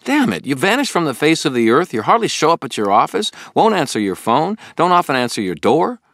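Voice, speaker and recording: Here a man voices an eager youth, lifting his pitch far over his usual low range with a lively bounce. His tone is earnest, pleading and insistent, the way a pushy friend keeps circling back to a topic. It's a close storybook reading taken a little fast, and the recording is dry.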